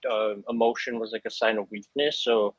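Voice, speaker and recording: Speaking as a panel guest through a video call, this Hawaiian man reflects earnestly and thoughtfully, often using fillers. He talks briskly in a lowish voice with fairly even intonation. The audio is dry, dull and lo-fi, with no room sound.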